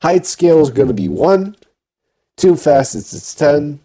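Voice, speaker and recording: A man's voice: on the high side, expressive, a little slow, mellow. A man talking through a voice changer, giving a casual step-by-step game tutorial. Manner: plain instructing with filler "you know".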